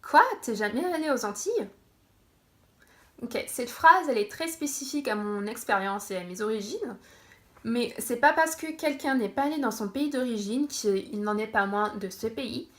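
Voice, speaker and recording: A young woman vlogging in a casual, chatty way, her voice sitting a little high. She laughs often between points, fills pauses with small hesitations and corrects herself as she goes. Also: fairly bright tone. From France. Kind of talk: casual opinion vlog.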